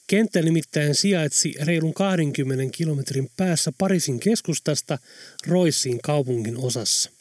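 Male audiobook narrator, fairly high voice, steady, dry close recording. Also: no echo.

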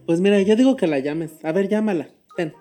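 Mellow-voiced man playing a coaxing therapist. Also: high-pitched, animated, a little fast, soft background music. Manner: advising, coaxing, eggs the other on. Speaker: psychologist. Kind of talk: comic sketch dialogue.

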